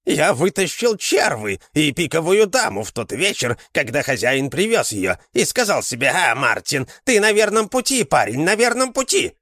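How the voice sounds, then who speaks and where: A man voices a sly, ominous old village fortune-teller, drawing out words and bursting into excited exclamations. His voice sits mid-range, and the recording is dry and clean, made in a studio.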